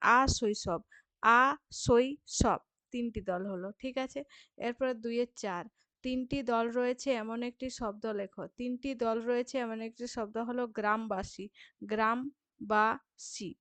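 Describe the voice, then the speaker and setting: A woman's voice: fairly high pitch, clean tone, no echo. A woman teacher with a Bengali accent, reading workbook questions and answering them, drawing words out syllable by syllable.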